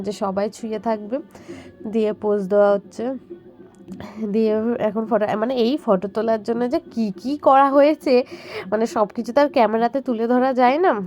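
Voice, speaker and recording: Hoarse young woman with a cold. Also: medium pitch, warm tone. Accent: Bengali. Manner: chatty, rambling, many fillers. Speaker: vlogger. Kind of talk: casual voice-over narration.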